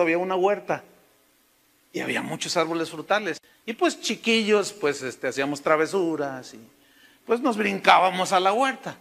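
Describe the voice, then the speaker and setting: Male preacher, high bright voice, storytelling sermon that keeps calling listeners brother.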